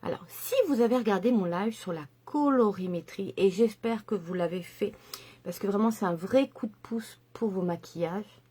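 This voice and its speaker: A woman's voice: mid-range voice, moderate pace, dark tone, breathy edge. A middle-aged woman chatting enthusiastically through a makeup tutorial, with lots of fillers and asides. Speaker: makeup vlogger.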